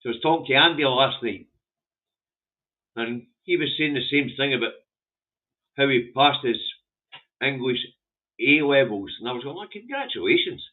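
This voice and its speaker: A man's voice: medium pitch, moderate pace, pauses often. A man with a broad Scottish accent giving casual, opinionated commentary in a blunt, sweary, rambling way. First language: Scots. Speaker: vlogger reviewing the day's newspaper front pages. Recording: muffled phone-like narrow-band audio.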